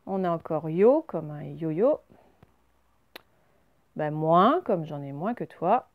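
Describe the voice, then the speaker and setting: A woman teaching a recorded reading lesson to young children. She explains each word slowly and clearly, step by step. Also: deep voice, expressive, no echo, narrow, tinny audio.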